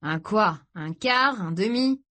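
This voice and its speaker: A woman's voice: medium pitch, animated, slow pace, sharp tone. A woman narrator voicing an exasperated young man scolding his sister, urgent and swearing.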